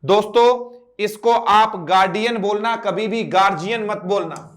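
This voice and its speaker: High-voiced Indian man teaching grammar. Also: unhurried, fairly bright tone. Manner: explains step by step, asks students questions, spells words out letter by letter. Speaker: English teacher. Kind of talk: classroom grammar lesson.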